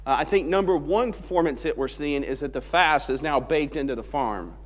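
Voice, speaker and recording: This man from Alabama, USA, delivers a technical conference talk conversationally and with plenty of humor. His voice runs on the high side at a moderate pace. Recorded on a large conference hall stage, the mic has a long hall reverb.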